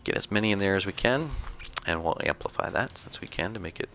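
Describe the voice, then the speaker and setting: A man giving relaxed, explanatory commentary on his own gameplay, thinking aloud as he plays. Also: low-pitched, fast, faint music behind.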